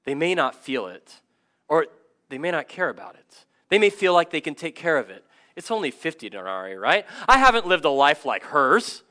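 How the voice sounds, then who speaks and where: A man in his thirties preaching a sermon as pastor, energetic and conversational, with asides and self-deprecating stories. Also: a little high, moderate pace.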